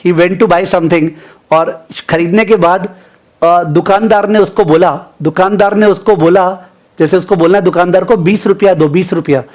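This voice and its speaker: A man's voice: high voice, fairly even intonation, measured pace, darkish tone. A man from India teaching an online finance class in a casual, chatty way, mixing Hindi and English and often checking in with students.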